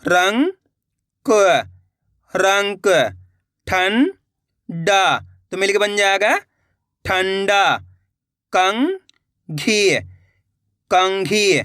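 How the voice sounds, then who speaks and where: A man teaching Hindi reading online, sounding out syllables slowly and then explaining in a brisk, coaxing way, addressing viewers as friends. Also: high-pitched, flat delivery, sharp tone, clean tone, studio quality. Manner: addresses viewers as friends, repeats words for them to echo.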